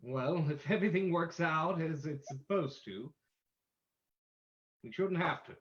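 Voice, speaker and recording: A man's voice: on the high side, measured pace, slight background noise, natural voice. A man playing a commanding, unseen crime-fighting sleuth in an old-time radio drama reading, formal and theatrical. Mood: brisk, composed. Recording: dull lo-fi audio.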